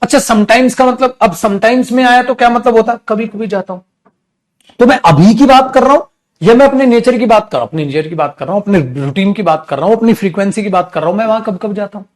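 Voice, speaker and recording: A male English teacher giving a live online grammar class, explaining with rhetorical questions, reading example sentences very slowly and calling the students beta. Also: high voice. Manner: addresses students affectionately as beta.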